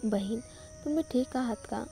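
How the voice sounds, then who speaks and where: Woman reader doing a friendly, concerned young woman; warm, low-key read. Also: fairly even intonation, moderate pace, vocal fry, soft background music. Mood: caring. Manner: caring, concerned.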